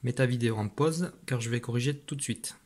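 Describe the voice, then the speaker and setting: A man teaching a spelling lesson, slowly sounding out syllables with patient guidance to a child at home. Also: mid-range voice, darkish tone. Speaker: primary school teacher.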